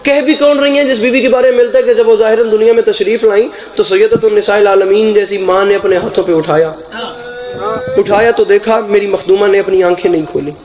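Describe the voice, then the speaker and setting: A man's voice: high-pitched, fairly even intonation, a little mellow. A man with a Pakistani Urdu accent, preaching a fervent, declamatory majlis sermon from a pulpit microphone at a live gathering, his voice rising into emotional outcries. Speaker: zakir preaching at a mourning gathering. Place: live religious gathering in a hall. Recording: echoey hall over a PA system.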